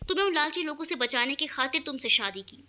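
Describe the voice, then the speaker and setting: Woman reading a proud young husband in an audio story, curt and harsh, bright high voice. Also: expressive, fast talker, heavily acted. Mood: stern.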